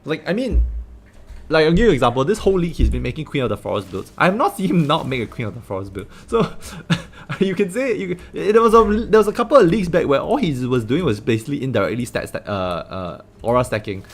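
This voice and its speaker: A Singaporean game streamer with a Singaporean English accent gives loose, jokey livestream commentary, swearing and exclaiming often. His voice is a little high, and he's an animated, fast talker.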